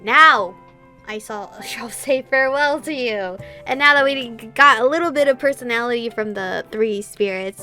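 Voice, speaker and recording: Her voice pushed and bright at a fairly high pitch, a woman streaming a visual novel reads the narration aloud and reacts with expression. Game music plays behind her.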